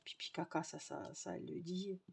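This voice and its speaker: Chatty mum, lowish voice. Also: female voice, normal speed, vocal fry, in a whisper. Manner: chatty, rambling with many fillers and restarts. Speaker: vlogger. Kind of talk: casual chat to viewers.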